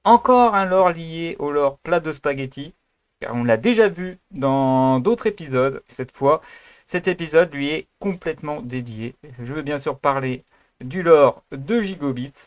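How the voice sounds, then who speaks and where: Rambling man with a smooth voice. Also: on the high side, expressive, measured pace, no room sound. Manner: rambling and self-deprecating, many hesitations. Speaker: YouTube host. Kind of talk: casual improvised video intro.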